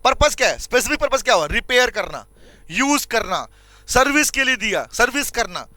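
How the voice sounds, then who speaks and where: High, bright-voiced Indian teacher man. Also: big pitch swings, brisk, no room sound. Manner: repeats key points and quizzes students with rhetorical questions; calls students "beta" and "bhaiya" fondly. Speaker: commerce law teacher. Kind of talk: classroom lecture.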